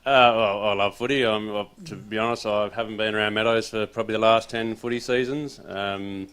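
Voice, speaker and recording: This relaxed interview comes from an assistant footy coach with an Australian accent who says he has a loud voice. His lowish voice is clear and resonant, fairly quick, and he rambles a little as he chats.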